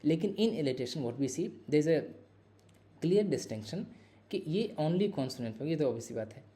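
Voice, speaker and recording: Mellow-voiced man teaching in a lecture. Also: fairly high pitch, lively intonation. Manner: explains in Hindi mixed with English terms, repeats key phrases, sounds out words slowly. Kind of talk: exam-prep literature lecture.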